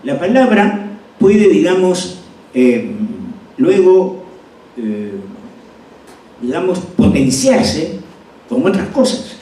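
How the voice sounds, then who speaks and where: A man's voice: sits high, very animated, slow pace, pauses often, dark tone. A middle-aged man with a Peruvian accent giving a seminar lecture as an acting teacher, acting out words to demonstrate emphasis. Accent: Peruvian Spanish. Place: lecture hall. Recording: echoey room, voice from far off, faint noise.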